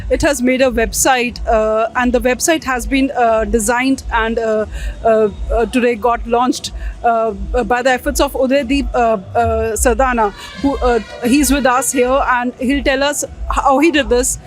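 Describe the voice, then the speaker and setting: A woman reporter with an Indian accent speaks in a high voice. She phrases her questions haltingly and off the cuff, with faint music behind her. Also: fairly even intonation, rough recording. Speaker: interviewer, reporter. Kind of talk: unscripted on-location interview.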